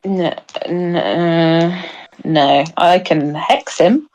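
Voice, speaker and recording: Female tabletop player, lowish voice, unhurried, casual and hesitant, thinking out loud. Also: rough recording. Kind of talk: casual game-table chat.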